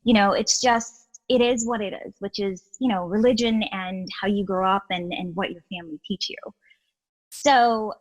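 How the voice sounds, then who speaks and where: A woman from Guyana, a healer and educator, is a guest in a casual interview, chatting in an animated, earnest way with many "you know"s, restarts and asides. Her voice is medium-pitched at a moderate pace, and the recording quality is low.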